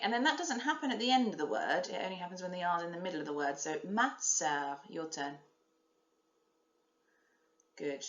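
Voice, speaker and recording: A woman around forty teaching a recorded French lesson. She models each sound clearly and prompts learners to repeat it. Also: fairly low pitch, fairly bright tone. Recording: roomy, dull lo-fi recording.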